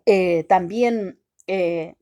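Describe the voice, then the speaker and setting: A woman giving a devotional sermon, talking haltingly with many restarts and constant questions tagged to her listeners. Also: on the low side, warm tone. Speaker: preacher.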